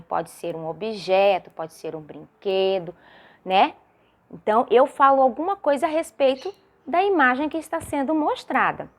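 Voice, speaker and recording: A woman primary school teacher with a Brazilian Portuguese accent, giving a recorded video lesson for young children and drawing out syllables in a sing-song way. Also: fairly high pitch. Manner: slow, sing-song, drawn-out syllables with many rhetorical questions.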